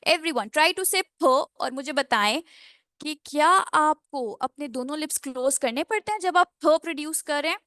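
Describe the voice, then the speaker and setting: High-voiced woman teaching pronunciation. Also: lively intonation, pushed and bright, no room sound, studio quality. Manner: drills phrases slowly, syllable by syllable; mixes English into Hindi explanations. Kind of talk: online class lecture.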